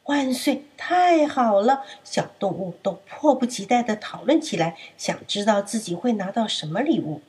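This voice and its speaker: Woman storyteller, children's story, breathy voice, lively sing-song. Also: medium pitch, moderate pace, few pauses.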